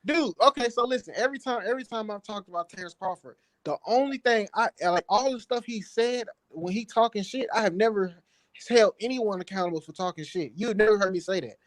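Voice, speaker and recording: A man's voice: high-pitched, dry recording. A man from New Orleans in a heated, casual boxing debate, defensive and slangy, repeating phrases for emphasis. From New Orleans, United States. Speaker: guest debater on a boxing talk show.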